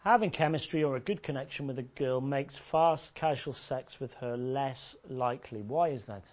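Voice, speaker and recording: A man's voice: medium pitch, normal speed. A man giving a blunt, crude, joking seminar talk as a dating coach to a room of listeners. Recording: dull lo-fi audio.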